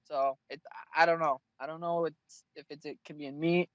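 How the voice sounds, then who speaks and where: Young male fighter, mid-twenties, casual and profane; voice a touch high, dry and muffled recording. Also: steady tone, brisk, a bit bright, no echo. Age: 20s. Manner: blunt and profane. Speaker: fighter, interview guest. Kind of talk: casual interview answers.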